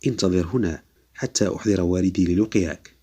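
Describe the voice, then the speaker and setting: A gentle young jinn girl, as a deep-voiced male narrator reads her. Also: fairly quick, breathy edge. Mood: calm. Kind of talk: storytelling.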